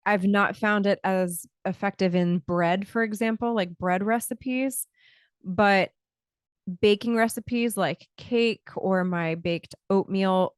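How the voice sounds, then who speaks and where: Her voice smooth, clear and middle-pitched, a woman in her thirties talks casually through her own health podcast, explaining as she goes and frequently restarting with fillers. She spent early childhood in Scotland and records indoors in a small home studio, close to a large mic, in a dead room with no room sound.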